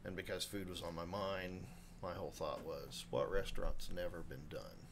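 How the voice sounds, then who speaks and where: A man's voice: sits low, normal speed, background noise. A man in his fifties, a chef guest on a podcast, telling his story in a rambling way, often acting out what others said. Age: 50s. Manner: rambling, self-interrupting, animated quoting. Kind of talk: casual interview storytelling. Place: live podcast room.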